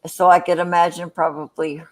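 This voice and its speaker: A woman telling stories in a relaxed group chat. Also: lowish voice, a little fast.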